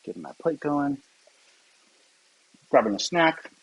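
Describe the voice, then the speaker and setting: A man casually narrating as he cooks breakfast in his home kitchen, relaxed and talking to the camera with joking asides. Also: fairly high pitch, unhurried, dull audio. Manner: relaxed, talks to camera while cooking, self-deprecating asides. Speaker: home cooking vlogger.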